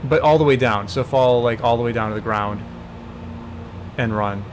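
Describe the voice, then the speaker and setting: A man's voice: medium pitch, moderate pace. Guy in his 20s walking a friend thru a speedrun, chill, laughs a lot, humming fan noise behind. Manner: relaxed, explains step by step, laughs often. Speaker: streamer coaching a speedrun. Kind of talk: casual gameplay chat.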